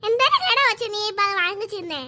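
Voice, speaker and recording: A high-voiced performer voicing a worried, scolding mother in a cartoon. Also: very fast, heavy background noise.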